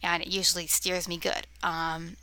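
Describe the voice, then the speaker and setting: Telling spooky stories at home, a young woman vlogger speaks into a cheap camera mic in her bedroom near a road, windows open. Her fairly low voice is pushed, bright and clean in tone, with flat delivery at normal speed; she rambles with many fillers, often whispers, gets easily distracted and talks to her cat.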